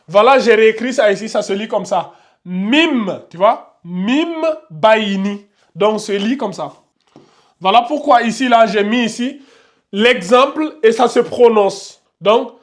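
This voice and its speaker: A man with a fairly high voice teaches a classroom of students from a board. He goes over every point more than once and keeps checking that the class follows. He slows right down to sound out each word slowly. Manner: slows down to spell out Arabic pronunciations. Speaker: tajwid teacher.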